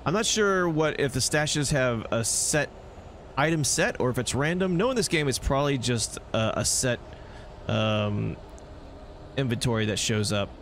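This gameplay host has a mid-range, fairly bright voice at normal speed, with a little hiss or hum on the recording. He chats casually through his let's play, making joking asides to the characters, while video game music and action sounds play in the background.

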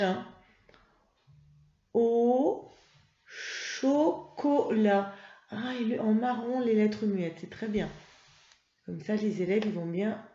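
A woman teaching a first-grade reading lesson, patient and encouraging, spelling out letters slowly for young pupils. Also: mid-range voice, dark tone. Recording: roomy, slightly dull home recording.

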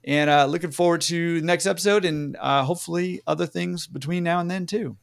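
A man's voice: fairly high pitch, steady tone, fairly quick, gravelly, clean tone. A man hosting a podcast, upbeat and encouraging, talking casually with many fillers. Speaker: podcast host.

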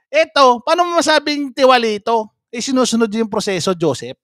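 A man's voice: very high voice, a little fast, a bit bright, dry recording, clean studio sound. A man, doing casual reaction commentary, mocking and laughing as he repeatedly calls out a name. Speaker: vlogger reacting to clips.

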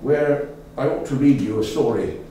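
A man's voice: mid-range voice, normal speed, mellow. An older man giving an informal talk to a local society, rambling and chatty, with many fillers and restarts. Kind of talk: informal lecture. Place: meeting room with an audience. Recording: echoey room, mic far off, faint room noise.

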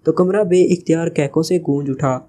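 A man narrating a novel as an audiobook in a steady reading voice. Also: on the high side, a little fast, a little hiss or hum. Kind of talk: scripted narration.

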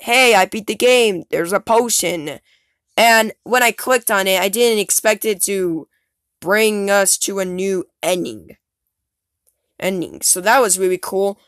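A woman rambles through her guesses about an upcoming horror game, casual and excitable, piling up "like" and "maybe" as she thinks aloud. Her voice sits at an ordinary middle pitch and comes through a phone recording. The sound is dry and close, with no room around it. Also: no room sound. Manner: rambling, filler-heavy, excitable, trails off. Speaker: gaming channel host. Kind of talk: casual theory talk over gameplay. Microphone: phone screen recording.

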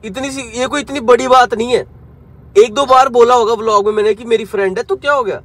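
A man in his twenties talks fast in a very high voice while vlogging casually from a car, first coaxing and teasing his girlfriend, then growing exasperated. The sound has no echo, though faint traffic and street and car sounds come through.

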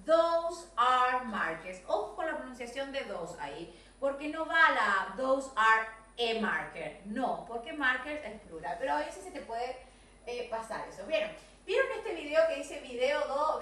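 A woman teaching English to young children in an online video class, speaking Argentine Spanish and drilling sentences slowly. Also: sits high, bright, forceful tone. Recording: distant echoey room recording with faint noise.

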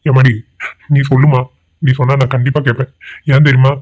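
A man's voice: mid-range voice, little pitch movement, a little fast, a little mellow, close to an everyday voice. A man voicing a remorseful, self-pitying middle-aged man who drinks, pleading and lamenting in a cartoon drama. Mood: sorrowful. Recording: tinny phone-like sound.

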